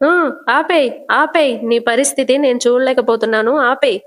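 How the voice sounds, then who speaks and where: A woman's voice: high-pitched, moderate pace, natural voice. A woman voicing a panicky grown son who pleads urgently.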